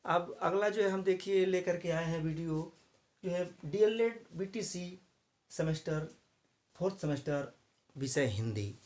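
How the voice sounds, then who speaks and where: A man's voice: sits high, animated, measured pace, darkish tone. A man teaching a lesson to teacher trainees, explaining step by step, repeating key terms and using many fillers. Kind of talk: classroom lecture for teacher trainees.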